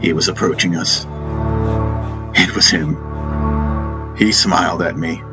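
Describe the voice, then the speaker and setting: A man with a deep, steady voice reads a first-person fantasy story at an unhurried pace. It's scripted audiobook narration with a music bed playing behind him.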